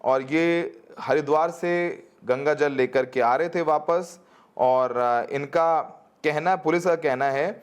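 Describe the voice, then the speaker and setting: A man reporting a news story in a halting way, with many filler sounds. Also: fairly high pitch, clear, resonant tone.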